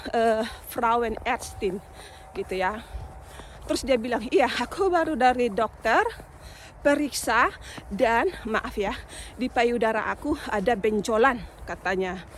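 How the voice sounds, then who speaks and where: A woman from Indonesia talks straight to her viewers in a loose, chatty vlog, leaning on small filler words as she tells a story. Her voice sits fairly high for a woman. A faint noise runs underneath. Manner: chatty, addresses viewers directly with many fillers. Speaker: vlogger.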